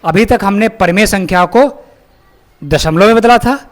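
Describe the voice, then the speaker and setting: A man's voice: high voice, normal speed. A male maths teacher explaining a lesson step by step, often asking his pupils questions and calling them child. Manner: asks pupils questions and checks their understanding.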